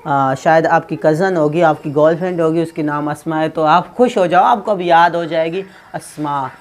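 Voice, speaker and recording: A man's voice: fairly high pitch, normal speed. A man teaching English pronunciation in a casual video lesson, joking and teasing his viewers as he explains, and dropping English phrases into his talk.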